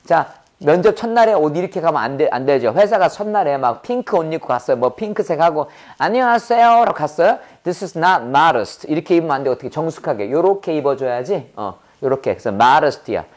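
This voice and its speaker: A man teaching an English vocabulary lesson, his fairly high voice swooping up and down as he plays out little examples. He repeats words, jokes and jumps into goofy voices to make them stick. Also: fast. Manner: animated, drops into silly voices and sound effects to make words memorable.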